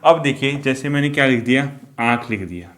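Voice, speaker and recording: A man's voice: medium pitch, animated, a bit bright. Hindi-lesson man asking and answering himself. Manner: repeats "ठीक है" and asks himself questions before answering; slows down to spell out vowel sounds. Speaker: Hindi grammar teacher. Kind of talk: exam-prep lesson at a board.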